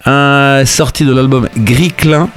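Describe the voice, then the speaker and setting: Joking, relaxed male radio co-host. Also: mid-range voice, slow, faint music behind. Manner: relaxed, joking, hesitant with fillers. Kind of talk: casual radio chat.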